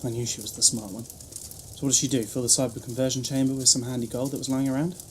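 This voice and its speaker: A man playing a philosophical time traveller in an audio drama, measured and theatrical. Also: mid-range voice, little pitch movement, slight background noise, lightly acted. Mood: curious, wry. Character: the Doctor, philosophical alien time traveller, reflective.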